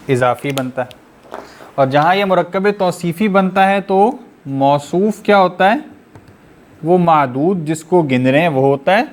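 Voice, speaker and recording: Methodical male teacher quizzing his online class. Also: fairly high pitch. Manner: quizzes the class with repeated rhetorical questions; patient, methodical explaining.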